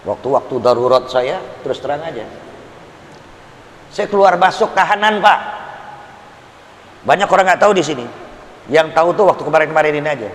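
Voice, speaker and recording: An older man preaching a study-circle sermon, telling stories with loud bursts and low asides. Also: expressive, brisk, pauses often. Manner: storytelling, swinging from loud outbursts to low asides. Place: large mosque hall. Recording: hiss, long reverb in a hall.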